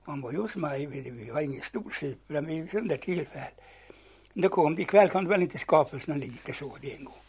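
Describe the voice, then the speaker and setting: Recalling old times, an older man with a husky, slightly high voice spins lively yarns, slipping into the voices of the people in his tales. He trips over words and begins sentences again, repeating himself as he goes.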